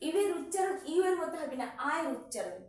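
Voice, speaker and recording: A woman's voice: high voice, big pitch swings, quick pace, darkish tone. A woman teacher with a Bengali accent, explaining a grammar lesson step by step, repeating examples and putting questions to her class. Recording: echoey room, distant mic.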